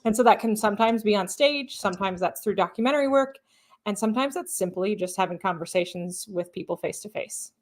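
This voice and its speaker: On stage at a live event, a woman appears as a guest on a podcast and speaks passionately with a polished news-reporter cadence. Her voice is medium-pitched and fairly quick.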